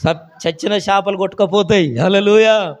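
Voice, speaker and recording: A man pastor preaching a sermon, calling out hallelujahs and swinging between loud declarations and hushed storytelling. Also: fairly high pitch, expressive, normal speed.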